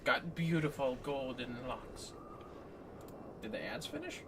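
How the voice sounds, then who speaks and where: Speaking slowly with huge pitch swings in a mid-range voice, this livestream co-host chats casually and reads game text aloud with exaggerated playfulness. The setting is a home office, and a distant mic catches him over background music and noise.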